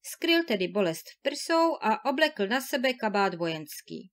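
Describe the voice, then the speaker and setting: A woman narrating a classic fairy tale aloud in a measured, expressive storytelling manner. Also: mid-range voice. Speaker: audiobook reader.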